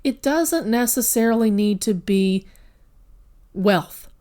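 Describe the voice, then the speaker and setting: A woman's voice: a little high, expressive, takes it slowly, warm tone. A woman giving a casual spoken tarot reading, talking straight to the viewer in an earnest, rambling way with self-corrections. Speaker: tarot reader.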